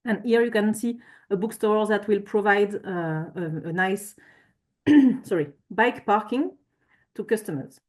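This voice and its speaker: A woman's voice: medium pitch, a little slow. A woman giving a conference presentation with slides, speaking hesitantly with frequent fillers and self-corrections.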